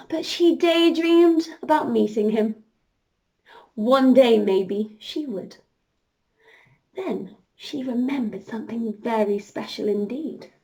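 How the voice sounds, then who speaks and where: Playing a princess entertainer, a woman with a fairly high pitch tells young children an interactive story at a slow pace. Her tone is animated and encouraging as she speaks right to them.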